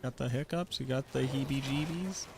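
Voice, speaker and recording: A man's voice: medium pitch, normal speed, gravelly, a little mellow, a little hiss or hum. A man streaming a video game, chatting casually and playfully as he plays. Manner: playful, joking commentary. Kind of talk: casual live gameplay chat.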